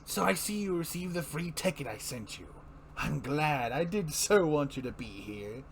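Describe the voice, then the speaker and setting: A man's voice: on the high side, big pitch swings, normal speed, slight background noise. A man voicing the Joker-like mad clown villain of a comic book, grandiose, mocking and bitter, in a dramatic reading. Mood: smug taunting. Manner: grandiose showman delivery, mocking, swooping emphasis.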